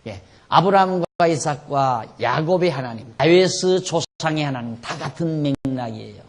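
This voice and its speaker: A middle-aged man preaching an expository sermon as pastor, emphatic, asking rhetorical questions and swinging between loud and soft. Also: on the high side, lively intonation, normal speed.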